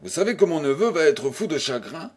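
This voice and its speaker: A man's voice: fairly high pitch, lively intonation, a little fast, husky. A man voicing an elderly aristocratic dowager who teases and fusses over a young widow, in a storybook reading. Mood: dismayed. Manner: mock-scolding, playful, exclamatory.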